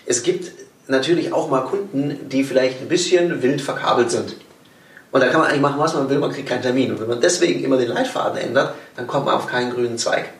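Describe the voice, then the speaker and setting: A man in casual conversation, a sales trainer who talks in a lively way and acts out examples. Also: mid-range voice, fast talker, roomy sound, far from the mic. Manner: lively, explains with acted-out examples.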